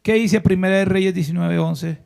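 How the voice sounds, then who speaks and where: High-pitched guy preaching to a church crowd, lots of questions, gets them to say stuff back. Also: fairly even intonation, normal speed, gravelly, soft background music. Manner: preaching with rhetorical questions and call-and-response; shifts between loud exhortation and hushed emphasis. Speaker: pastor. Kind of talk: sermon.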